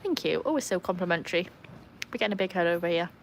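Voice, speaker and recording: Fast, animated and gravelly, with a fairly low pitch, the voice belongs to a young Welsh woman whose accent blends Welsh and English. She's hosting a casual livestream outdoors beside a pool, chatty, reading comments aloud and quick to laugh, with a little hiss or hum audible.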